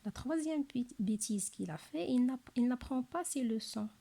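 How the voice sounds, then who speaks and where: Woman, schoolteacher, slow careful delivery, repeats words, soft half-whispers, breathy. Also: a little high, expressive. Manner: slow, careful, repeats each word twice. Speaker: teacher. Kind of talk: recorded lesson for young pupils.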